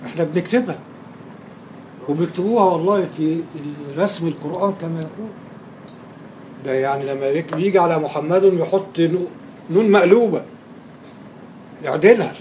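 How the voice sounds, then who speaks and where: A man's voice: on the high side, a little fast, darkish tone, slight background noise. A man with an Egyptian Arabic accent lecturing on grammar in a classroom, quizzing his students and repeating key words for emphasis.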